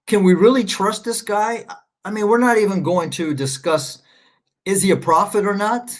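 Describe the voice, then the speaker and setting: An online commentator, a man with a high, slightly bright voice, rambles through casual livestream commentary. He's sarcastic and scornful, often pausing to search his screen.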